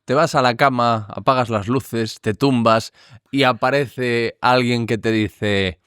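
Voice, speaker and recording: Male host, smooth resonant tone, dry close sound, lively questioning. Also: medium pitch, slow, no room sound. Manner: animated, questioning, acts out inner voices. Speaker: podcast host. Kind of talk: conversational interview.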